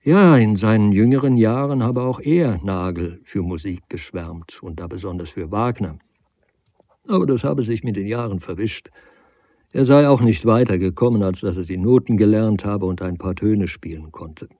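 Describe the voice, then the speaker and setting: An older man reading a literary novel aloud as narrator, measured and calm. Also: on the low side, no room sound.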